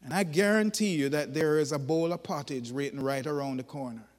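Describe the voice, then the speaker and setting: A man preaching a sermon, telling folksy stories in an animated, emphatic way. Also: fairly high pitch, brisk, in a large hall.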